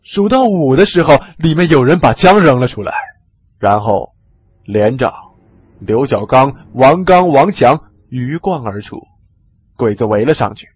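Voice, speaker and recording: A man narrating a story in the first person, with lively, expressive storytelling. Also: medium pitch, measured pace, slightly rough, no echo, muffled recording.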